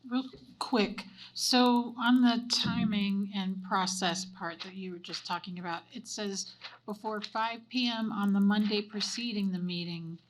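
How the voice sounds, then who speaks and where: A woman councilor in a council chamber asks a clarifying question. Her voice sits at a mid pitch and she lays out the question slowly and carefully. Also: steady tone. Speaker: city councilor.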